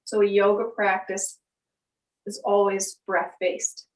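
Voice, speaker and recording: A woman yoga instructor giving calm, step-by-step guided instruction on breath and poses. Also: mid-range voice, slow, recorded from a distance. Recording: echoey room, voice from off the mic.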